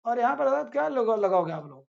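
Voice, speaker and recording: A man's voice: very high-pitched, sing-song, brisk, vocal fry, muffled recording. A man teaching English vocabulary in a casual lesson, repeating each word and its meaning and addressing his students as friends.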